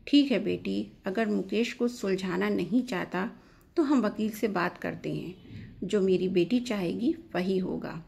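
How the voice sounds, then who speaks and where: A woman's voice: mid-range voice, unhurried, vocal fry, a little mellow. Middle-aged mother, read by a woman; soothing, firm, protective.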